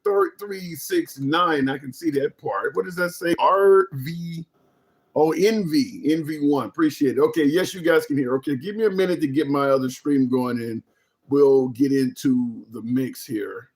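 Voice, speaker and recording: A man hosts a casual live political commentary stream in a slightly high voice with lively intonation at normal speed. He speaks bluntly and informally, swears a bit, and repeats phrases for emphasis.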